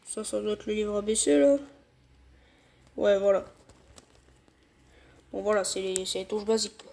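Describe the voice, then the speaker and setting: A woman's voice: mid-range voice, measured pace, creaky, dark tone. A woman giving casual, slangy, rambling commentary while playing a video game. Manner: chatty, slangy asides, rambling. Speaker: let's play host.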